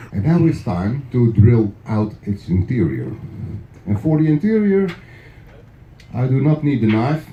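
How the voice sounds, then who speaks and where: This middle-aged man from the Netherlands has a fairly low, dark voice and a Dutch accent. A clog maker, he keeps joking and chuckling between remarks while demonstrating his craft live in an indoor workshop. The sound is roomy and muffled, with slight background noise.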